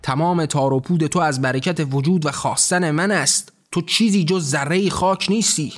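Brief: a man doing an enraged god-king on his throne, bellowing threats, voice pushed higher, faint music behind. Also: fairly even intonation, natural voice. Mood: furious. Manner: thundering, commanding shouts. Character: wrathful almighty male god on a throne.

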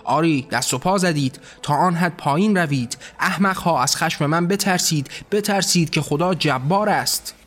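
A man's voice: fairly high pitch, hardly any pauses, fairly bright tone. A man voicing a furious ranting god. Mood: raging. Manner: bellowing, scornful tirades. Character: wrathful ranting male god ruler.

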